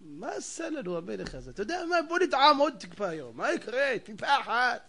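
A man's voice: extremely high pitch, big pitch swings, sharp tone, full character voice. A man voicing a frightened, weak-willed servant who pleads and cries in a told parable. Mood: pleading. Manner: pleading, tearful.

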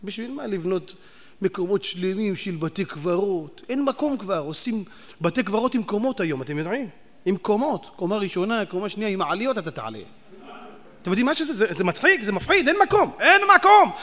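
A man preaching a sermon, animated and firing rhetorical questions at his audience. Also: high voice. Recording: long hall reverb.

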